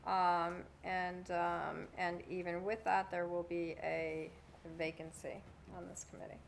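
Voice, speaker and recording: A woman chairing a town select board meeting, moving briskly through motions and votes. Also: fairly low pitch, little pitch movement, vocal fry, a little hiss or hum. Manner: brisk, procedural, runs votes.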